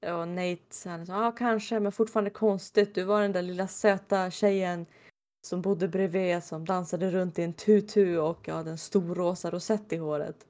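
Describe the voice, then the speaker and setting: A woman casually retelling a TV episode scene by scene, acting out the characters' lines as she goes. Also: lowish voice. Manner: animated retelling, acting out quotes.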